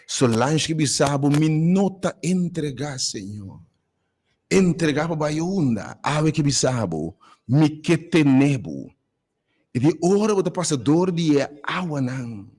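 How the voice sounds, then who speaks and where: A man's voice: medium pitch, darkish tone. A man, a radio pastor praying fervently for callers in rhythmic repeated pleas. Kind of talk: live radio prayer call-in.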